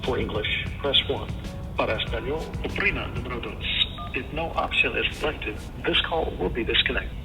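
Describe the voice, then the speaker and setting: A man's recorded voice on an automated phone menu, reading the options in a flat, measured way over a phone call. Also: mid-range voice, over music. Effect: recorded phone menu prompt heard over a phone call. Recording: phone speaker audio, reverberant, noisy.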